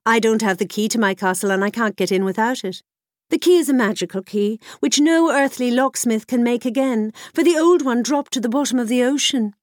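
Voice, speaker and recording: Storybook princess, proud and demanding, lifted high and hurried, voiced by a woman storyteller. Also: no room sound, studio quality, lightly acted. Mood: insistent. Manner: haughty, insistent.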